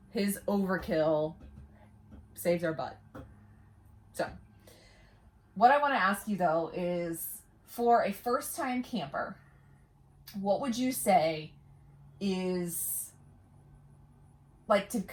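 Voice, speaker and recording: Chatty lady doing a casual vlog inside a little camper trailer, normal mid pitch. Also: expressive, slow pace, pauses often. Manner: chatty, laughs easily while talking. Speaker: vlog host. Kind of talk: casual chat to camera.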